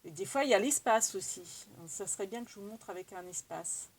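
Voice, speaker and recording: A woman's voice: mid-range voice, expressive, a little fast, husky. French woman chatting through a craft demo. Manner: chatty, thinks aloud while working, many fillers. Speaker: craft tutorial host. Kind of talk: casual craft demonstration.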